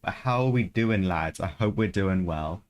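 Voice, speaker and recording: A man with a deep voice speaks at normal speed over live video game play, with game music behind him. He chats casually with his viewers, often repeating phrases and calling them lads.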